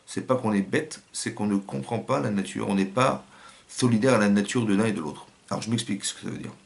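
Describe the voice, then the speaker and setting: A man's voice: lowish voice, brisk, creaky. A man with a French accent giving a religious lesson as a rabbi, acting out little scenes and quotes in changing voices.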